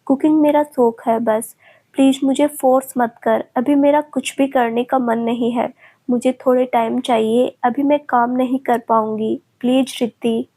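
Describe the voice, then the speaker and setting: A woman's voice: on the high side, fairly even intonation, measured pace, warm tone. A woman narrator voicing a heartbroken young woman in love who speaks tearfully and pleads.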